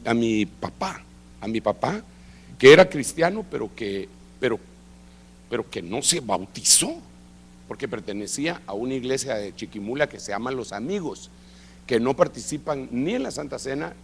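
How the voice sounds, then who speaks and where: A middle-aged man preaching, telling a testimony with lively acted-out dialogue. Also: mid-range voice, normal speed, slight background noise. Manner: animated storytelling, acting out quoted dialogue. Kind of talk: sermon testimony. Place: church service.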